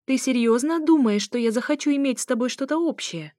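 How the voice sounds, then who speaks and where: A woman's voice: high voice, fairly quick, darkish tone, dry recording, clean studio sound, voice pushed up, natural voice. Woman voicing a snappish, indignant young woman. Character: sharp-tongued young woman arguing with ex-husband.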